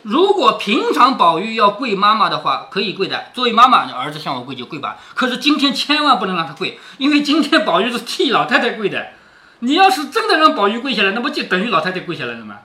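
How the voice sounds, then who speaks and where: A man's voice: high-pitched, wildly swooping pitch, fast talker, bright, forceful tone. A middle-aged man reading a classic novel aloud to his daughter, explaining it as he goes and often asking rhetorical questions. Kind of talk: explanatory storytelling with quoted dialogue.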